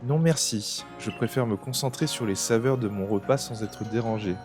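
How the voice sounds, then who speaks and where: A man reading a stern woman research chief from a game in a flat, soulless robot voice, with game music behind. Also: on the low side, moderate pace. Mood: curt. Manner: monotone, soulless robotic delivery. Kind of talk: reading game dialogue aloud.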